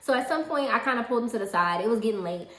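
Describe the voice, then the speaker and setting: A woman telling a personal story in casual chat, animated and laughing, acting out the people she quotes. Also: a little high, racing, slight background noise. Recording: roomy echo.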